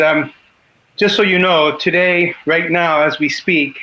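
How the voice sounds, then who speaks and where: A Chilean man in his fifties, a native Spanish speaker, speaking as a guest on a group call in a halting way and often clearing his throat. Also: fairly high pitch, bright, forceful tone. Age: 50s. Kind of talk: earnest talk on a call. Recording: dull lo-fi call audio.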